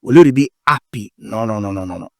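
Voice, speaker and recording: A man from Ghana teaching a language class, repeating each word slowly and carefully to drill pronunciation. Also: on the low side, creaky, a little mellow, no echo, clean studio sound. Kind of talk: pronunciation lesson.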